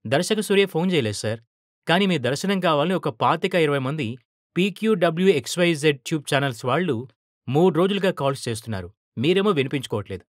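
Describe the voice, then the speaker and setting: A man's voice: fairly high pitch, expressive, quick pace, no room sound, clean studio sound, lightly acted. A man voicing a dutiful male manager who speaks politely and deferentially to his boss.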